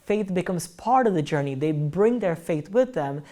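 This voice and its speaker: A man from Kuwait giving a recorded teaching lecture in an earnest, explanatory way, often pausing on hesitations. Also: a little high, animated, dark tone. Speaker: lecturer on missions.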